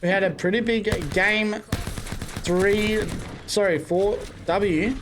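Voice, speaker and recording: High-voiced esports caster. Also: male voice, noisy background. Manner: quick, running play-by-play with casual asides. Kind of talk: live esports play-by-play commentary.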